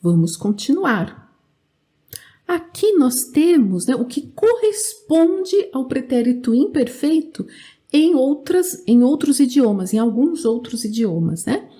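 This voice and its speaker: Slow-speaking Brazilian woman teaching. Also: high voice, sing-song, mellow. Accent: Brazilian Portuguese. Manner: slow and clear, repeats "né?" often, drills conjugations for learners to repeat. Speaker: Portuguese teacher. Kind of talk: language lesson.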